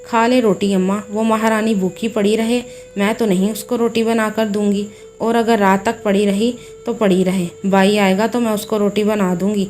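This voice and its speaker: A woman's voice: mid-range voice, flat delivery, moderate pace, a little mellow, soft background music, natural voice. A woman voicing a spiteful, spoiled young sister-in-law who mocks, in a storybook tale. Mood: mocking. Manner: spiteful, mocking.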